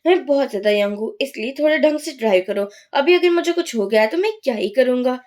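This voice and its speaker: A woman's voice: sits high, expressive, brisk, a little mellow. A woman voicing an exasperated young male police officer who scolds constantly.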